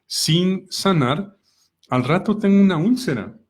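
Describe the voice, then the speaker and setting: A middle-aged man, co-hosting a personal growth talk. He explains calmly through examples and rhetorical questions. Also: high voice, a little slow, breathy edge. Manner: calm, explanatory, asks many rhetorical questions.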